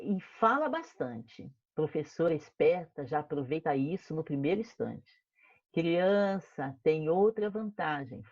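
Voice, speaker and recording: A woman's voice: low-pitched, no room sound, lo-fi sound. A woman teacher with a Brazilian Portuguese accent reads a children's story aloud to her class in an online lesson, playing with sound words. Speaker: primary school teacher.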